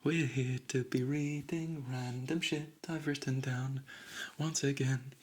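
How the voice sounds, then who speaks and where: Slow husky soft-spoken man. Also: medium pitch, fairly even intonation. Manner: silly, rambling, self-amused. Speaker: ASMR creator. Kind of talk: soft-spoken ASMR rambling and reading.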